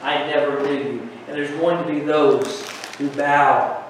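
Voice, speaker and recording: A man's voice: on the high side, steady tone, unhurried, slight background noise. A man preaching a sermon with emphatic rhetorical questions, recorded from far off in an echoey room.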